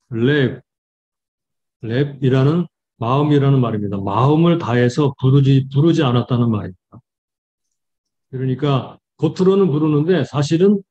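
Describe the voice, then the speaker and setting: A man, a pastor, giving a Bible study lecture, reading verses slowly and explaining them with frequent fillers. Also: medium pitch, warm tone, lo-fi sound.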